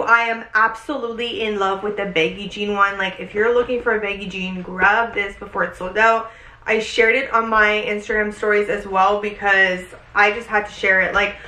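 A woman's voice: on the high side, pushed and bright, roomy sound, rough recording. A young woman chatting effusively to her viewers in a casual haul vlog, filmed in her bedroom. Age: young adult. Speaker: fashion vlogger. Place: bedroom, indoors. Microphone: camera at a short distance.

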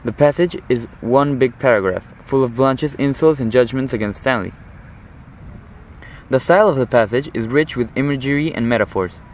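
A teenage high school student giving an earnest, formal oral commentary on a literary passage. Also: male voice, a little hiss or hum, poor audio. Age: teens.

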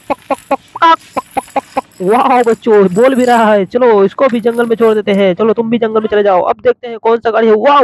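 A man hosting a toy video, narrating play for children with lots of excited exclamations. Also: very high voice. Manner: excitable, full of exclamations, addresses kids directly. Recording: dull lo-fi dry sound.

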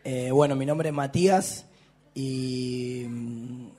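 Slow, hesitant man giving testimony. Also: mid-range voice, fairly even intonation, mellow. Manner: downcast, hesitant. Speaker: church member giving testimony. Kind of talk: church testimony.

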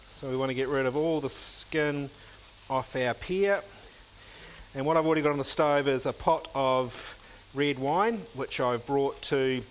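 A man's voice: fairly high pitch, a little hiss or hum. A middle-aged man, a chef demonstrating a recipe in a teaching kitchen, explaining each step steadily as he works, with the odd "um". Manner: steady step-by-step explaining while working, with filler ums. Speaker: chef and cooking instructor. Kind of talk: cooking demonstration.

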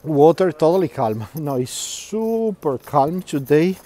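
Now his voice is a little high, warm and expressive, at a measured pace. Walking outdoors along quiet canal streets, the middle-aged host reads viewers' comments live and chats with frequent laughs, fillers and restarts.

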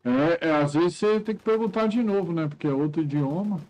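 Brincalhão brasileiro, narrando seu jogo. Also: male voice, on the high side, brisk, low-quality recording. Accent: Brazilian Portuguese. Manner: jokey, teasing, animated banter. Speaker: streamer. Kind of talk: casual gaming chat with friends. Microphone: headset.

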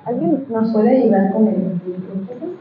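A woman presenting her book in a large hall, explaining her ideas in a measured, engaged way. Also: mid-range voice, lively intonation, background noise. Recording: echoey hall, muffled sound.

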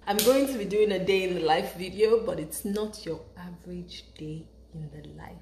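With a lowish voice at a moderate pace and slight background noise, a young woman from Nigeria vlogs in her home kitchen. Her Nigerian English accent has British influence, and she's animated and chatty, using her hands as she speaks casually to a nearby camera on the counter. Echo and faint ambience fill the room.

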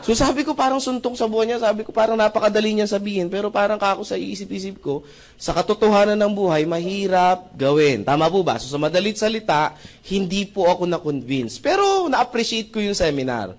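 Telling his story to a live crowd, a young Filipino man speaks a little quickly in a high-sitting voice. He animatedly acts out quotes and often seeks agreement with a "right?"

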